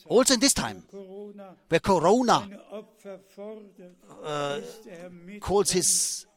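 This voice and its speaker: Slow, high-voiced older male preacher. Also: sing-song. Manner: slow, emphatic, repeats phrases and restarts. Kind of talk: sermon.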